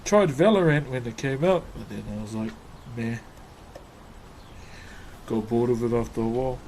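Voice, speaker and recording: A man's voice: mid-range voice, fast, a little mellow. A man with a New Zealand accent chatting casually on a livestream in a laid-back, slangy way as he answers viewers. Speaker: live streamer. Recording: clearly noisy background ambience.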